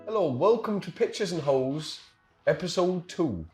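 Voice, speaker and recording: Brief: man as a rambling farmer, slightly high voice, echoey room. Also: lively intonation, unhurried, music in the background. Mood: deadpan. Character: crude rural English farmer, deadpan.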